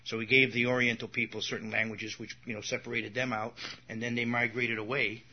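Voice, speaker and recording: Husky-voiced man giving a rambling Bible lesson. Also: mid-range voice, flat delivery, a little fast. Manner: rambling, with frequent restarts and asides. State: coughing now and then. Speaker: Bible teacher. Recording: dull lo-fi recording.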